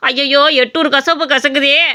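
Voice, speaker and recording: A woman voicing a grumbling old village grandfather, gruff and scolding. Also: high voice, fairly even intonation, normal speed, pushed and bright. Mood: disgusted.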